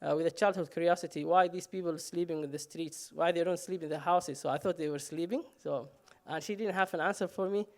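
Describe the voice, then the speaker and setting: A man tells his own story on stage in a fairly high voice. He jokes at himself and often stops on "uh". The talk stays loose and unscripted. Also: steady tone, fairly quick, few pauses. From Somalia. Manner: humorous, self-mocking, frequent "uh" fillers. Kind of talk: live personal storytelling on stage.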